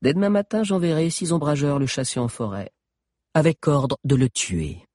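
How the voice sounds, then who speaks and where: A man's voice: on the high side, lively intonation, moderate pace, mellow, no room sound, clean studio sound, voice pushed up. A man reading an audiobook and voicing a cruel, scheming sorceress queen with a mocking, menacing manner. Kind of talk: audiobook character voice.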